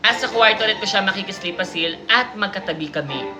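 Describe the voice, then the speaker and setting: A woman's voice: mid-range voice, fast. A woman hosting a livestream, reading a submitted confession aloud and breaking off for playful, teasing asides. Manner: playful, teasing asides and giggles between passages. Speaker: livestream host reading listener stories. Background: music.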